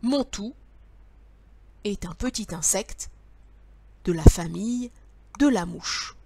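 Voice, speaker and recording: A woman's voice: mid-range voice, expressive, takes it slowly, mellow, a little hiss or hum. A woman teacher leading young children through word riddles, patient and sing-song, speaking straight to the child.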